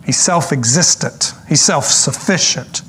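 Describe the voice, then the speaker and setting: A man preaching a sermon in an earnest, explanatory tone. His voice sits a little high for a man. He slows down to stress key points and drops in casual asides, with a faint hiss behind him. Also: pushed and bright. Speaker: pastor.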